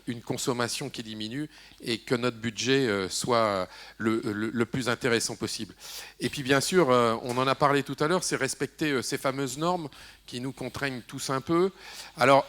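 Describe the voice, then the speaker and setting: A man's voice: medium pitch, fairly bright tone. A man, an elected official, speaking on a conference round-table panel, hesitant with many fillers and restarts, slipping in jokey asides. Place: conference hall.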